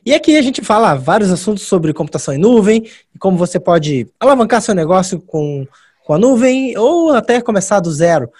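A man's voice: sits high, sing-song, brisk, a little mellow, husky. A man with a Brazilian Portuguese accent hosting a podcast and interviewing a guest in a casual style. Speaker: podcast host.

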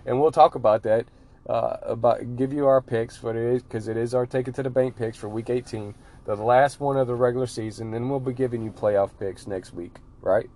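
A man with a mid-pitched voice hosts a sports podcast. He is chatty and informal, circling back on his own phrases, over a clearly audible music bed. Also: fairly even intonation, normal speed, dark tone. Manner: chatty, repeats himself, informal. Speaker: podcast host. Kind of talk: casual sports podcast talk.

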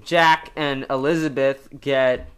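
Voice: medium pitch, steady tone, slow pace, a bit bright, clean tone. A podcast co-host in casual chat, recapping a plot at length with lots of restarts and laughs.

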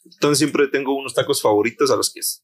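A young man with a Mexican Spanish accent telling a story in casual chat, slangy and animated, acting out the voices he quotes. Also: mid-range voice, quick pace. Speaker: podcast co-host.

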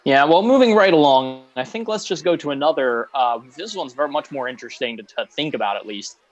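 A man's voice: a little high, animated, a little fast, muffled recording. A man co-hosting a casual chat about game cards, blunt and sarcastic with frequent laughs. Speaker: co-host reviewing cards.

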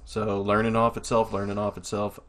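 A man co-hosting a casual chat in an easygoing way, with quick laughs. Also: on the low side, monotone. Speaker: co-host.

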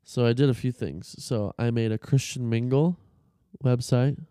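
A man's voice: mid-range voice, normal speed, mellow, clean tone, dry recording, clean studio sound. A man on a casual podcast, telling a long story with profanity, fillers and restarts. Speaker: podcast co-host.

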